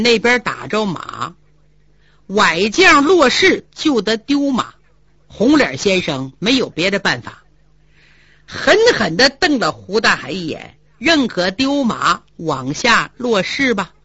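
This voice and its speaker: A woman telling a traditional story with animated, dramatic narration. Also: mid-range voice, slightly rough, dry recording, muffled recording.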